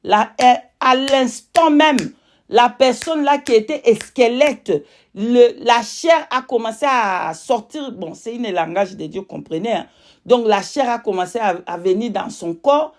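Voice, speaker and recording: With lively intonation and a slightly high voice, a non-native French speaker testifies as a religious witness in accented French. Emphatic and repetitive, she sometimes pauses to search for words.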